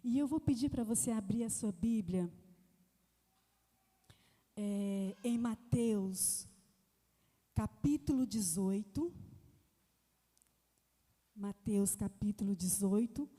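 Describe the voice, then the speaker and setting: A woman giving a testimony in a sermon, telling a story in a relaxed, conversational way with frequent fillers. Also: medium pitch, slow pace, long pauses. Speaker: church speaker giving a testimony. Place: church hall. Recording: long church hall reverb.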